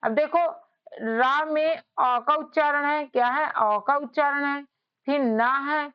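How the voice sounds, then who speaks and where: A woman's voice: sits high, takes it slowly, muffled recording. A woman teaching spelling in a patient lesson, repeating each point and asking questions back to her students. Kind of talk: whiteboard lesson.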